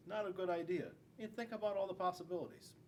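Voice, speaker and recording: His voice sits high with fairly even intonation, a little mellow, and he talks fast. He's a school resource officer in his forties reading a storybook to young children in a classroom, with playful, chatty asides, captured by a distant camera a few feet away amid faint room noise.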